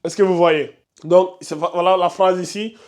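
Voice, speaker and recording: A man teaching Quran recitation rules in a slow explanatory lesson, repeating each rule and often checking that listeners follow. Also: high-pitched, steady tone, darkish tone. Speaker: tajwid teacher.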